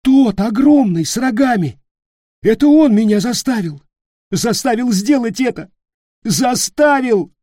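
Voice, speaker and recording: A man's voice: takes it slowly, long pauses, mellow, slightly rough, dry recording, studio quality. Man doing a sobbing, terrified young traitor. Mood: sobbing panic. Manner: wailing, pleading in high shrieks. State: crying.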